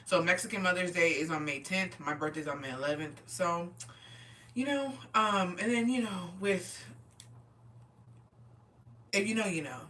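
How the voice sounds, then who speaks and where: She speaks a little slowly, pausing often, in a lowish, sharp-toned voice, with slight background noise and her voice distant from the microphone. A tipsy woman in her twenties, she hosts a casual livestream, reading and answering comments. Her talk is slangy, with swearing and Spanish words.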